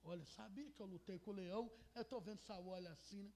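A woman preacher with a deep gravelly voice voicing the young shepherd David in a sermon retelling. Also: fast, mellow, lightly acted. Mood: confident. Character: young shepherd David, humble but bold.

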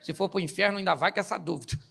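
A pastor tells Bible stories as comedy, chuckling along and playing out each scene. His voice sits high for a man and has a gravelly, fried texture. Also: racing, a bit bright, a little hiss or hum. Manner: jokey, laughs at his own jokes, acts out scenes. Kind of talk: comic storytelling sermon.

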